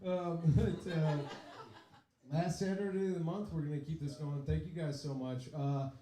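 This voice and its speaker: A man's voice: a little high, steady tone, normal speed. A man hosting a comedy show, closing it out in a loose, hesitant way with lots of fillers and jokes. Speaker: show host. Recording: echoey room, loud crowd and noise.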